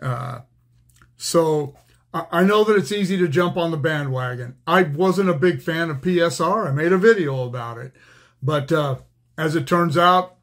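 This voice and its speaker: Older man, retired railroader hosting his own channel; slightly high voice, plainspoken, loose and full of "uh"s. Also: a bit bright. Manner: conversational, many fillers and restarts, plainspoken. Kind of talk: casual explainer monologue.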